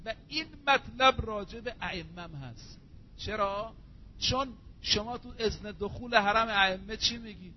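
A man giving a sermon, reciting Arabic verses slowly and then explaining them in everyday speech. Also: high voice. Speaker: preacher. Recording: dull lo-fi recording with faint hum.

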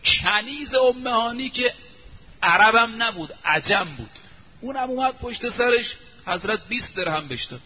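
A man preaching a sermon, telling a story emphatically and drawing out quoted phrases slowly. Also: extremely high pitch, expressive, breathy edge. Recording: muffled lo-fi recording, faint hiss.

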